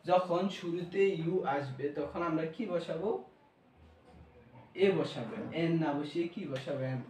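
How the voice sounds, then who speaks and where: A man's voice: on the high side, unhurried, a little mellow, a little hiss or hum. A male English grammar teacher with a Bangladeshi accent, giving a classroom lesson and asking questions he then answers himself. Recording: echoey room, voice from far off.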